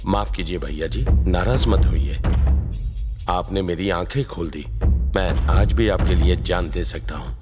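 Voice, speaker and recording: A man's voice: low-pitched, a little slow, over music. A man playing a humble, respectful father who made good and asks a favor in a film drama. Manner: deferential, soft-spoken.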